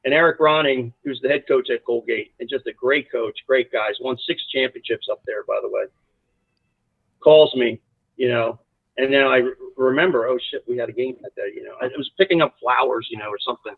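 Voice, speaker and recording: A man from South Jersey, a college soccer coach, telling lively stories as a guest with lots of restarts. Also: mid-range voice, brisk, vocal fry, breathy edge, no echo. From South Jersey, USA. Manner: animated, rambling anecdotes with many restarts. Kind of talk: casual storytelling interview. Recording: dry, tinny phone-like line.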